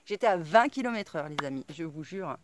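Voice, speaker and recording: A woman's voice: low voice, expressive, brisk, slight background noise. A woman vlogger casually telling a story to her viewers, blunt and colloquial, swearing freely and full of fillers. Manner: chatty, full of fillers and asides. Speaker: off-grid vlogger.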